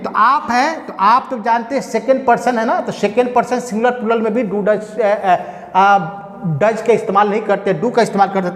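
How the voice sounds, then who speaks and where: A man's voice: very high-pitched, a bit bright. A man with a Bihari Hindi accent teaching a grammar lesson to a class, asking questions and answering them himself. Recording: echoey hall with long reverb.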